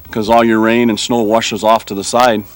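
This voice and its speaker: A man's voice: lowish voice, flat delivery, normal speed, no room sound. A man with a Yooper accent from Michigan's Upper Peninsula, chatting casually in a folksy way as he shows someone around a camp. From Midland, Michigan. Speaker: deer camp member being interviewed.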